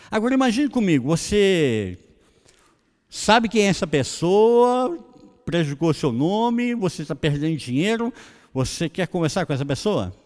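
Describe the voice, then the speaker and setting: A middle-aged Brazilian man with a Brazilian Portuguese accent, preaching a sermon and telling a personal story, acting out the dialogue in different voices. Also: a little high. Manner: animated, acts out dialogue in voices. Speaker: pastor. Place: church hall. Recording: reverberant church hall.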